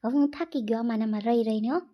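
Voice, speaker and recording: A woman's voice: on the high side, highs cut off, natural voice. A woman playing a hot-tempered grown son who rants in an exasperated way. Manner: exasperated, fast ranting.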